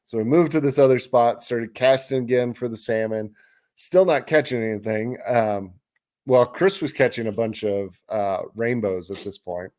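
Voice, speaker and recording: On a fishing show he co-hosts, a man speaks in a mid-range voice at normal speed, casually telling a story. He laughs along, animatedly acting out what others said.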